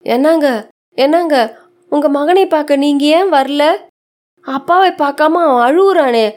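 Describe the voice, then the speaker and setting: A bewildered young mother from a storybook reading, lost and pleading, her voice pushed up high and a touch louder than the telling around it, as a woman narrator puts her on. She sounds fragile and stuck on one worry. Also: measured pace. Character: young troubled new mother, dazed, pleading.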